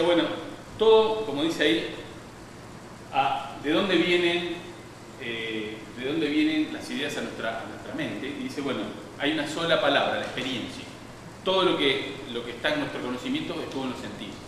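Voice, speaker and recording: A man gives a public science lecture, wandering through his points with frequent restarts and fillers. He sounds distant from the microphone in a very echoey hall. A steady noise sits behind his voice. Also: medium pitch. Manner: digressive, many restarts and fillers.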